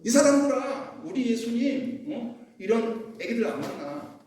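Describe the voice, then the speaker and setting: A man's voice: very high voice, big pitch swings, measured pace, darkish tone, a little hiss or hum, pitched above the performer's own voice, heavily acted. A man acting out an officious male disciple who bossily scolds parents and shoos them away. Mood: scolding. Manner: bossy, scolding. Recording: echoey hall, mic far off.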